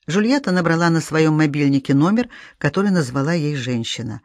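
A woman reading a novel aloud as an audiobook, calm and measured. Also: low voice, no room sound. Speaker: audiobook reader.

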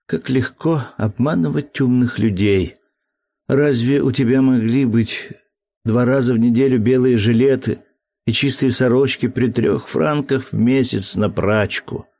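A man's voice: mid-range voice, a little mellow, voice pushed up. A man reading an audiobook, voicing a tender, playful young woman in love in a raised, breathless voice.

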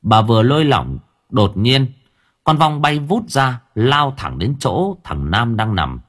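A man narrating a ghost story audiobook in an expressive, dramatic way. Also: mid-range voice, takes it slowly. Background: soft background music.

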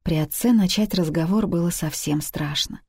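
A woman narrating a story as an audiobook reading, steady and even. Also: lowish voice, moderate pace, vocal fry, slightly rough, dry recording, studio quality.

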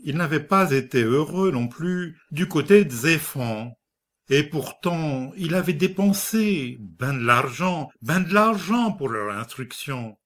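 Slow, measured male storybook narrator. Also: fairly high pitch, lively intonation, a bit bright. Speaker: audiobook reader. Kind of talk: scripted narration of a short story.

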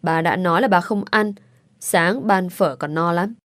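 A woman voicing a stern but soft-hearted older father in a storybook reading, speaking in a gruff, scolding way. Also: on the low side, unhurried, dry recording, studio quality. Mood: grumbling.

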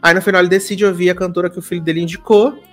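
A man's voice: high-pitched, very fast. Brazilian male podcaster, chatty film recap, acts out dialogue, faint music bed. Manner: animated storyteller acting out dialogue voices. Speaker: podcast co-host. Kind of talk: casual chat, retelling a film plot.

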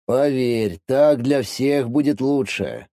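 A man reading an audiobook, voicing a calm, secretive man who speaks in a measured, condescending way. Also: medium pitch, no echo, clean studio sound.

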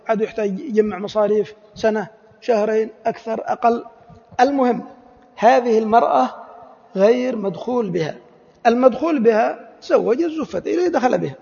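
A man leads a classroom lesson, firing rhetorical questions at his students and acting out little exchanges. His voice is very high and gravelly. The recording is dull and lo-fi, with a long echo from a hall. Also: a little mellow. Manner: acts out quoted dialogues. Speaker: Islamic jurisprudence teacher. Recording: echoey hall, dull lo-fi audio.

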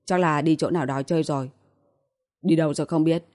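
A woman's voice: deep voice, fairly even intonation, fast, dark tone, natural voice. A woman voicing a careless, brash young man who blurts things out, in an audiobook reading. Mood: vague. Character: careless young man, loud and easily surprised.

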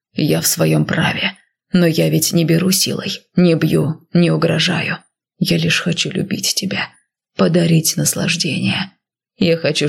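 Woman doing a bossy possessive husband, husky breathy low voice, gravelly edge, half whispered. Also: exaggerated voice. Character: possessive, commanding husband, a grown man. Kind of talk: audiobook reading.

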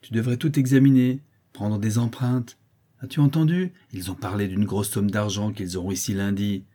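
A man's voice: lowish voice, steady tone, moderate pace, mellow, close to an everyday voice. A man doing a blind vengeful brigand. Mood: wheedling. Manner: growling, bitter, menacing. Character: blind old male brigand, brutal and vengeful.

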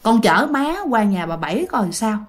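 A woman with a Southern Vietnamese accent voicing a calm, decisive old grandmother in a ghost story. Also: medium pitch, normal speed, close to an everyday voice.

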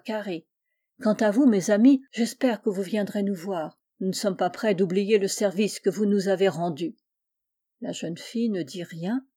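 Woman, audiobook reader, mellow warm tone, even storytelling, light character voices. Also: medium pitch. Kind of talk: reading a short story aloud.

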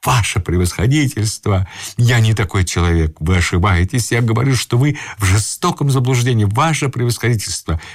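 A man voicing a panicked gentleman caught under a bed, pleading and sobbing as he explains himself. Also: fairly low pitch, fairly quick, dry recording, clean studio sound.

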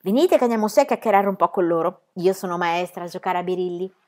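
A woman voicing a bold, cheerful young girl who tells tall tales, in a loud, high-spirited, boastful manner. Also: quick pace, natural voice.

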